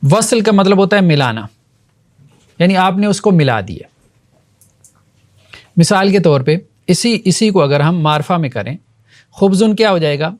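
A male teacher giving a grammar lesson, explaining step by step, asking questions and repeating key terms slowly. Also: high voice, lively intonation, darkish tone. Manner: explanatory, asks the class questions.

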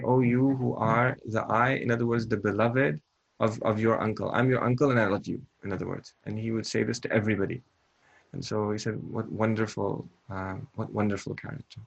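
A man interpreting in conversation, halting, with many fillers and restarts. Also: on the low side, creaky, dull audio.

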